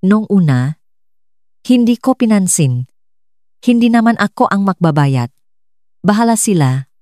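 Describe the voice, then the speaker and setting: A woman narrating a first-person drama story in a steady storytelling manner. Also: medium pitch, measured pace, no echo, studio quality.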